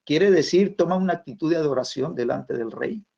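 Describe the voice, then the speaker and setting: A man preaching a sermon in a halting way, full of fillers and tag questions. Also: a little high, creaky, mellow, slight background noise. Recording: dull lo-fi sound.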